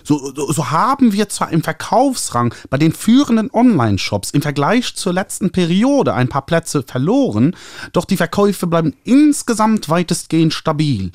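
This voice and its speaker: Ein Mann mit luxemburgischem Akzent spricht einen übereifrigen, näselnden Verleger mit hoher, gedehnter Stimme. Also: male voice, fairly high pitch, big pitch swings, darkish tone, no echo, clean studio sound, voice pushed up. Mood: gushing. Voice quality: nasal. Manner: gushing, fussy, drawn-out. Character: overeager nasal male book publisher.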